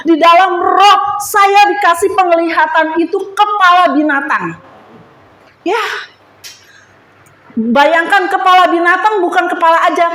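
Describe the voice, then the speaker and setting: High-voiced fervent woman giving testimony. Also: a bit bright, roomy sound. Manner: fervent, emotional, addresses congregation directly. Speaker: church member giving testimony. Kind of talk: emotional church testimony.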